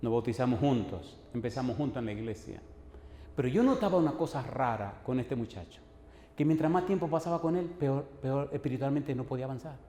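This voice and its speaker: A man's voice: mid-range voice, a little fast, dark tone, slight background noise. An older man, preaching a sermon emphatically and putting repeated questions to the congregation. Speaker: pastor. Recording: echoey hall, faint ambience.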